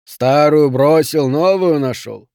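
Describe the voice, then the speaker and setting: A man reading the part of a cruel male killer, talking slowly and with mockery. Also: a little high, warm tone, no room sound, studio quality. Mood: taunting. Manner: slow, taunting, drawn-out.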